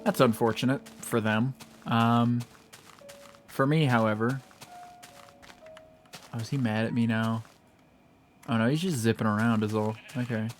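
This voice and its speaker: A man's voice: mid-range voice, fairly even intonation, unhurried, long pauses, faint music behind. A young American man giving casual, rambling, self-mocking commentary while he streams a game, swearing freely. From United States.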